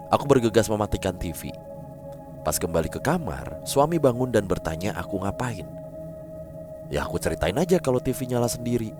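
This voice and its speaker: Deep-voiced man telling a horror story. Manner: expressive, dramatic storytelling. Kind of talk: first-person story reading.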